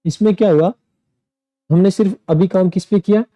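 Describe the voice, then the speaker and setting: A young man teaches a coaching lesson. His voice sits high, yet its tone is dark and mellow, and he explains each point plainly, repeats himself and keeps checking in with his students. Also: normal speed, rough recording. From India. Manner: explanatory, repetitive, addresses students directly. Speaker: PTE exam coaching teacher. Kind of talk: classroom lesson explaining exam tasks.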